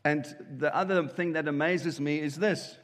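A man preaches with earnest emphasis, repeating his key lines. His voice sits fairly high for a man. It rings through a church hall with long reverb. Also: fairly even intonation, unhurried. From South Africa. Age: 50s. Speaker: guest preacher. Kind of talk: sermon with live interpreter.

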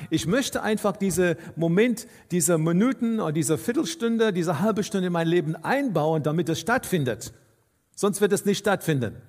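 A man with a high voice preaches to his congregation, halting and repeating himself as he restarts phrases. His words ring out into a long reverb, as if he stands in a large church hall. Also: a little mellow. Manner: halting, repeats words, non-native German grammar. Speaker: pastor. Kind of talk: sermon.

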